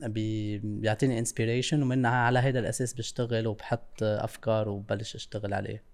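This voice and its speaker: A man's voice: on the low side, little pitch movement, fast talker. A man with a Levantine Arabic accent from Lebanon, chatting casually as an interview guest, searching for words and often switching into English. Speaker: interview guest, creative stylist.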